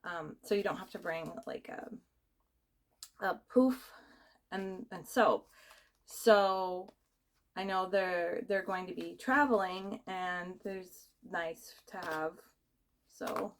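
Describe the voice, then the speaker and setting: A young vlogger with a cold, her voice going, chats casually while unboxing items. She speaks slowly in a fairly low voice, pausing often and rambling with lots of fillers and restarts.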